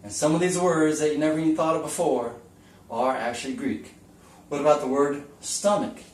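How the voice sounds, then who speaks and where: A man's voice: a little high, steady tone, normal speed. A man giving a casual whiteboard lesson, chatty and folksy, asking the viewer questions as he goes. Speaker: teacher. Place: room with the camera taped to the wall. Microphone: camera mic from across the room. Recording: roomy echo, distant camera mic.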